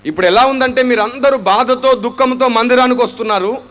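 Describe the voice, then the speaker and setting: A high-pitched male preacher with a Telugu accent delivers a sermon. He keeps throwing rhetorical questions at the congregation and slips into dramatic voices when he acts out their prayers. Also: brisk, fairly bright tone.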